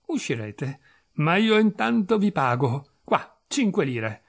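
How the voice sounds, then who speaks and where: A man acts out a hot-tempered, penny-pinching landowner who exclaims and scolds in a flurry. The voice leaps high and stays husky, always agitated. Told as a spoken storybook. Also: big pitch swings, slow, full character voice. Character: irascible middle-aged male landowner, fussy and stingy.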